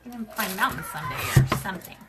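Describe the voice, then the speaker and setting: A woman hosting a casual sewing tutorial at home, talking fast and chatty with lots of fillers. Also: mid-range voice, lively intonation. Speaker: craft show host demonstrating sewing. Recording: clear background noise with clicks.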